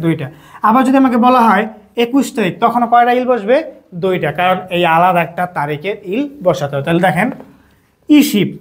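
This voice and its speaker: A young man with a Bangladeshi Bengali accent teaching a lesson, asking questions and answering them himself in a call-and-response style. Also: sits high. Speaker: language teacher.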